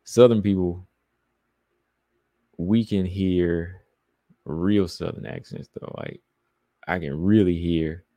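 Deep-voiced Southern man chatting casually. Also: takes it slowly, long pauses, warm tone, no echo. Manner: loose and rambling, reads chat comments aloud. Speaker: podcast host reading live chat. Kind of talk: casual livestream chat.

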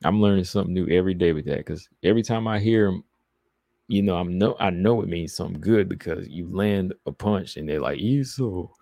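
A deep-voiced podcast host with a Southeastern American accent loosely rambles while reading livestream chat comments. He talks briskly in a very low, dark voice with vocal fry, and the close, dry recording has no room sound.

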